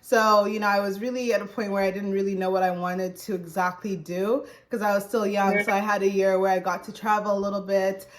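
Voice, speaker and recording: Here the Zambian recruiting manager in her twenties talks fairly quickly with hardly any pauses, her mid-range voice showing little pitch movement. She shares casual personal stories as an interview guest, frequently saying "like" and "you know."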